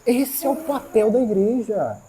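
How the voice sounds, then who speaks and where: Lively Brazilian woman preaching. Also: on the high side, unhurried, a little hiss or hum. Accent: Brazilian Portuguese. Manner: animated, acts out dialogues, asks the audience questions. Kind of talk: sermon.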